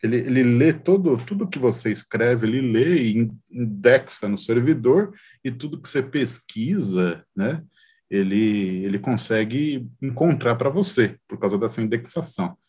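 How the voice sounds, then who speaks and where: A man's voice: medium pitch, expressive, moderate pace, a little mellow, husky. A Brazilian man hosting a podcast, explaining a story informally, often searching for words and adding tag questions. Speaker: podcast host.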